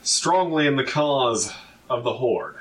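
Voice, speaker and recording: A man's voice: medium pitch, lively intonation, takes it slowly, recorded from a distance. A man voicing an earnest, formal guild adventurer in a tabletop fantasy game, speaking in declarative phrases.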